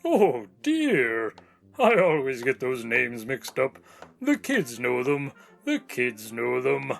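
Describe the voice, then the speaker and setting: A man's voice: mid-range voice, huge pitch swings, takes it slowly, vocal fry, faint music behind, heavily acted. A man playing a kindly, absent-minded old Santa in an audio play, jolly and folksy in manner.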